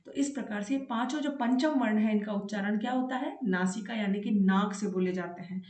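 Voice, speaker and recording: A woman teaching a Sanskrit grammar lesson for exam preparation. She patiently asks her own questions and answers them, sounding out syllables slowly. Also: medium pitch, a little mellow, echoey room.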